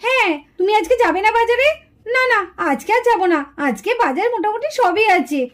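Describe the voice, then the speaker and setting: A woman's voice: very high voice, expressive, a little fast. A woman voicing a busy young neighbor mother in a puppet show, chatty and in a hurry.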